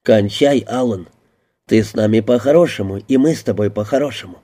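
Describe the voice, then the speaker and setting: A man's voice: on the low side, fairly quick, warm tone, natural voice. A man voicing a brash, bullying male police detective who presses a suspect hard. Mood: pushy. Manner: harsh, pushy interrogation.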